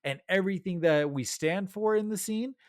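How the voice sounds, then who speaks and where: A man co-hosting a podcast, chatting with enthusiasm and animated storytelling. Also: high voice, moderate pace, no room sound, clean studio sound. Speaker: podcast co-host. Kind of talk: casual chat.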